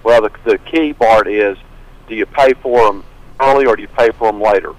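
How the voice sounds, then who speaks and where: A man's voice: on the low side, moderate pace, no room sound, rough recording. Earnest man calling a radio show. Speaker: radio phone-in caller. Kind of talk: casual talk.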